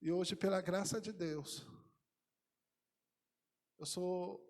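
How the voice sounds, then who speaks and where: A male pastor preaching in a church, swinging from hushed storytelling to shouted declarations. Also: high-pitched, steady tone, slow pace. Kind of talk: sermon. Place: church sanctuary.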